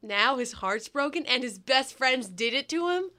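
A woman's voice: high voice, lively intonation, normal speed, sharp tone. A young woman in casual chat, animatedly retelling scenes and quoting characters.

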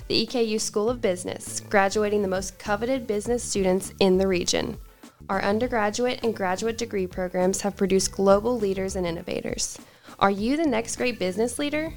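A woman's voice: medium pitch, fairly quick, faint music behind. A woman announcer giving an upbeat, polished promotional read.

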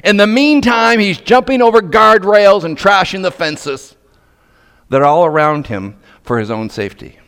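A male preacher speaks in a large, reverberant hall. His voice sits fairly high and swings widely in pitch as he delivers his sermon. He drops to hushed, pointed questions and rises to emphatic warnings. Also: animated, normal speed, clean tone. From Nova Scotia, Canada. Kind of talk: sermon to men, storytelling with pointed rhetorical questions.

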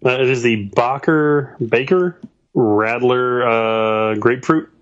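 A man co-hosts a podcast from the other end of a remote call, so his voice comes through muffled and lo-fi. He talks slowly and keeps things laid-back, with casual swearing mixed in. His pitch sits in the middle of the range. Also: fairly bright tone. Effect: heard over a remote call line. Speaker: podcast co-host. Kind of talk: casual chat. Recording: dull lo-fi remote call audio.

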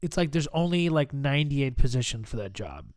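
A man's voice: mid-range voice, expressive, a little fast, no echo, studio quality. A man chatting casually on a podcast, jumping in with asides and questions.

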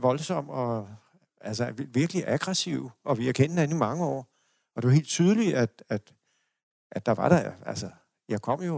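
A man's voice: medium pitch, creaky, a little mellow, no room sound, studio quality. An older man from Denmark giving a lecture, telling personal stories in a rambling, anecdotal way with restarts and chuckles. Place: lecture hall.

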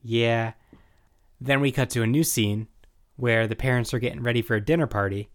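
Young guy cohosting a podcast, average pitch, loose informal recap chat. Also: steady tone, normal speed. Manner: informal, sweary, acts out paraphrased dialogue. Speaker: podcast co-host.

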